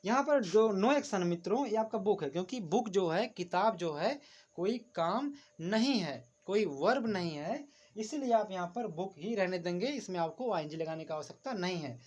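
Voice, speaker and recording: A man's voice: sits high, expressive, normal speed, a little mellow. A man teaching a grammar lesson, patiently repeating each point and often addressing his viewers as friends while writing on a board. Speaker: English teacher.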